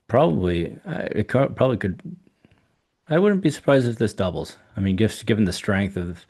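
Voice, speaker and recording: A man with a very deep, low voice talks through his thoughts in an unhurried, halting way, full of ums and restarts. His voice is going hoarse as he goes. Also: darkish tone. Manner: halting, many ums and restarts, thinking aloud. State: losing his voice. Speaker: podcast host reviewing coin auctions. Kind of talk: casual solo commentary.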